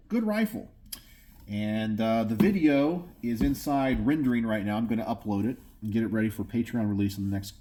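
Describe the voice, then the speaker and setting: A man's voice: mid-range voice, darkish tone. An American man hosting a video channel, giving opinionated commentary to his viewers in an emphatic way, often repeating phrases for effect. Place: garage.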